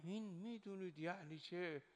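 A male preacher giving a religious sermon, moving between slow, drawn-out shouted chanting and quiet, hushed storytelling. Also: sits high. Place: religious hall at a night gathering.

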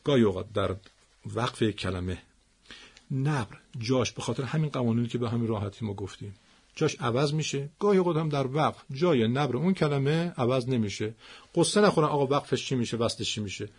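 A man teaching the stress rules of Quranic Arabic, patiently repeating words slowly. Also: medium pitch, expressive, darkish tone, slightly rough.

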